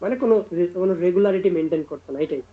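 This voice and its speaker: A male tutor giving an online class lecture. He reads out points slowly, then explains them at length with frequent fillers and hesitations. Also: high-pitched, phone-quality sound. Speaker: literature tutor.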